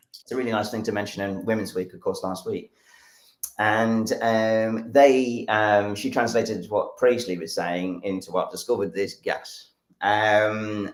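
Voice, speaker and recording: An English man whose voice sits fairly low. He walks through a science demonstration during a live stream, talking with eager enthusiasm. He rambles, stops and starts, and fills his pauses with "um". The sound is echoey and roomy. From England. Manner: enthusiastic, rambling, many fillers. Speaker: science educator.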